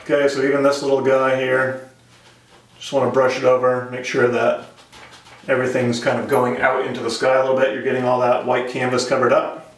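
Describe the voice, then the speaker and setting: Man, gentle painting instructor, casual tutorial delivery, very reverberant room, distant mic. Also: mid-range voice, completely flat delivery, a little fast. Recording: echoey room, distant microphone.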